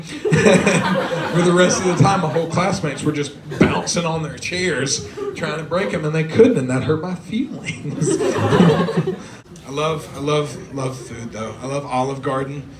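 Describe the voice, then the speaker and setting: Self-mocking comic, loud crowd. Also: male voice, fairly high pitch, unhurried. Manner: self-deprecating, animated, acts out voices. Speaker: stand-up comedian. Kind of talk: stand-up set. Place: small club stage. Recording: distant mic, loud crowd laughter.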